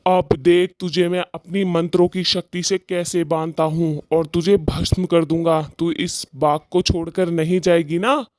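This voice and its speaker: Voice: medium pitch, steady tone, a little slow, few pauses, darkish tone, no echo, studio quality, lightly acted. A performer voicing a blustering male fake sorcerer in a cartoon story. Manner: blustering, threatening, pompous. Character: self-important male tantrik, a fraud sorcerer.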